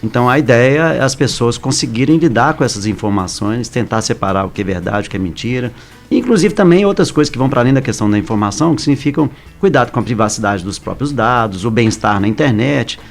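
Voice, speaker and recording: A Brazilian man, a professor guest in a radio studio, explains his subject in a measured way, pausing and restarting now and then. His voice is gravelly and of middling pitch. Faint music plays underneath. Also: animated. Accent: Brazilian Portuguese. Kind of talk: explanatory interview answers. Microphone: studio microphone.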